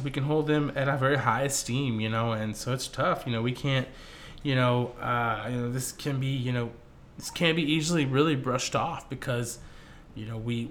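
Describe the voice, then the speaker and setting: A man co-hosts a laid-back faith chat, rambling and leaning on fillers as he talks. His tone is bright and forceful, and there is faint noise behind him. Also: medium pitch. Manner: rambling, many "you know" fillers. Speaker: co-host.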